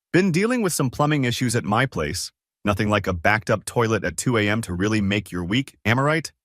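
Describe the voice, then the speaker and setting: A man's voice: medium pitch, a bit bright, no echo, studio quality. A man reading a first-person story aloud in a casual, conversational way. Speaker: narrator.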